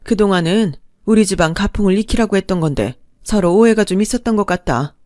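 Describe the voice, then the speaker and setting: A woman's voice: medium pitch, fast talker, a little mellow, no echo, studio quality, close to an everyday voice. A woman voicing a domineering middle-aged mother-in-law, bossy and reproachful.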